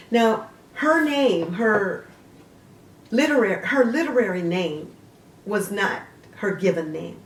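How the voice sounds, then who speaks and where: A woman hosting a literary video show delivers a dramatic, theatrical vlog monologue, partly reading aloud, in a mid-range voice. She speaks slowly and emphatically, deliberately breaking her lines into short, measured phrases. The recording is roomy with echo and faint noise, the mic set some distance away.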